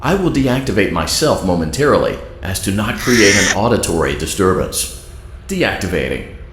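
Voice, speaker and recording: Lively, formal robot guide. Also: male voice, sits low, moderate pace, noisy background. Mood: polite, instructional. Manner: formal, polite, instructional. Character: cheery, artificial male robot guide assistant. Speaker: automated guide. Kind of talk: scripted game announcements. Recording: roomy echo.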